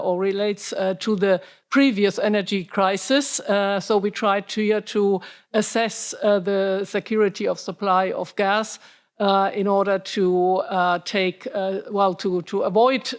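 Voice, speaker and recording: German woman with a flat, even delivery. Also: medium pitch. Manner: measured, with frequent hesitations. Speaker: conference speaker. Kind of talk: presentation talk.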